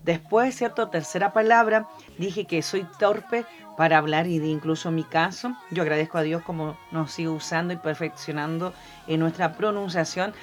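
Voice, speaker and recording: A woman's voice: lowish voice, steady tone, moderate pace, hardly any pauses. Woman with mixed Chilean accent preaching. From Argentina. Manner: preaching, frequent "amén" and "¿cierto?" tags. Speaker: podcast co-host.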